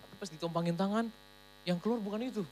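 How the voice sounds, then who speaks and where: A woman pastor giving a sermon at a church service in a lively, emphatic way, slipping English phrases into her talk. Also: mid-range voice, fast, slight background noise, poor audio.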